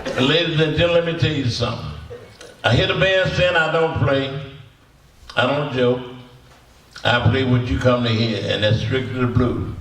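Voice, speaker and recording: A man's voice: medium pitch, fairly even intonation, moderate pace, long pauses, a bit bright. A man, a blues musician telling rambling stories to an audience, repeating words and chuckling as he goes. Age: 80s. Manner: folksy, repetitive, chuckling storyteller. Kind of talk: storytelling to an audience. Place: symposium hall. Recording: echoey room from far off.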